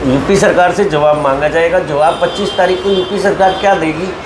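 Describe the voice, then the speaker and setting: An association leader is being interviewed, earnestly appealing to members and repeating points for emphasis. His voice is a little high, fairly even in intonation, and fairly quick, recorded in an echoey room with background noise.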